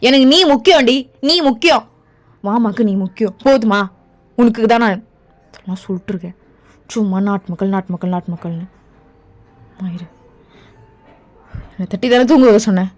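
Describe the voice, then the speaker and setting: A woman voicing a ruthless young male king who talks in a low, slow, possessive murmur in a fan audio drama, over faint music. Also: darkish tone, close to an everyday voice. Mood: fierce.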